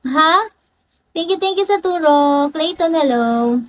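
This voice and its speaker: A woman's voice: sits high, expressive, slow, slight background noise, rough recording. A young woman live streaming on her phone, playfully greeting and teasing her viewers by name in casual chat. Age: young adult.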